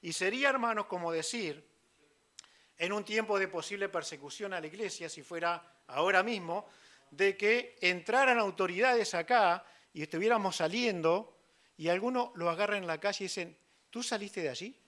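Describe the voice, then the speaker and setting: A man preaching a sermon in a church, acting out quoted lines loudly and dropping to hushed, near-whispered asides. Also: high voice, normal speed.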